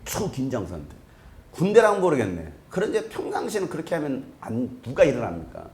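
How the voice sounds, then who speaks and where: A man in his thirties, a pastor giving a lively sermon in a large church hall, joking with the congregation and breaking into shouts. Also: mid-range voice, brisk. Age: 30s. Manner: joking, animated, bursts into shouts.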